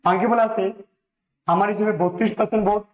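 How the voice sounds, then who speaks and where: A man's voice: high voice, steady tone, quick pace, reverberant, muffled recording. A man teaching an exam-prep maths lesson, talking through each sum step by step, with a Bengali accent and English numbers mixed in.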